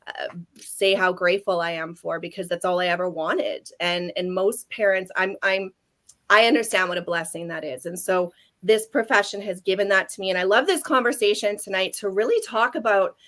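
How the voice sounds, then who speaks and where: A woman's voice: medium pitch, normal speed, a bit bright. A woman in her forties from Canada with a Canadian accent, speaking earnestly as a guest on a webinar, often restarting her sentences. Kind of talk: casual webinar talk.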